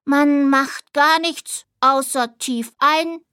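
A woman voicing a small, bored male dormouse in a children's storybook, drawling his words slowly. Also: sits high, steady tone, a bit bright, no room sound, clean studio sound, voice pushed up, exaggerated voice. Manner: slow, drawn-out bored speech.

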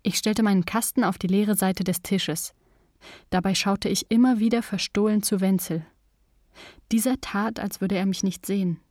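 Female audiobook narrator, calm first-person storytelling, middle pitch, dry close sound. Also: moderate pace, no room sound.

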